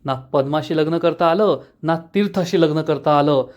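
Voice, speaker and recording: A man's voice: a little high, moderate pace, lightly acted. A man reading the lines of an angry, domineering older male politician who taunts his son with scorn.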